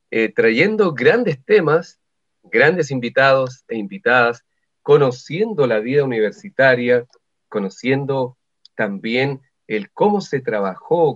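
A man hosting a university radio interview, upbeat and chatty. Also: mid-range voice. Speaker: radio host. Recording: slightly dull lo-fi sound.

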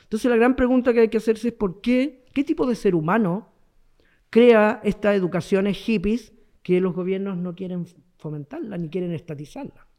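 This man, speaking with a Chilean accent, appears as the guest expert in a radio and TV interview. His voice sits high with a dark tone and moves at normal speed as he explains emphatically, repeating key words.

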